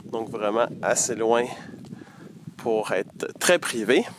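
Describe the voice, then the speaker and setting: A man's voice: fairly low pitch, expressive, heavy background noise. A man with a Quebec French accent, a real estate agent giving a video tour outdoors in the snow, walking while he talks. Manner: slow, measured, walking while showing around. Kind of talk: bilingual property video tour. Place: outdoors in deep snow on a lakeside property.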